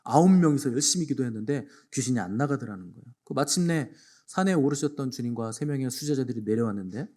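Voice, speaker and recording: A male pastor delivering a Sunday sermon, retelling scripture with acted-out dialogue and sudden swings from quiet to forceful. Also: mid-range voice, lively intonation, fast. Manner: acts out biblical speakers in dialogue, swings between hushed and emphatic.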